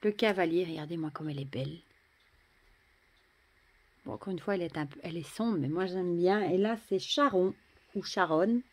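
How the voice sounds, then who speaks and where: A French woman casually showing and admiring tarot cards, chatty, often dropping to a soft murmur. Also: on the low side, moderate pace, pauses often. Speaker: tarot deck reviewer. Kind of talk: casual show-and-tell.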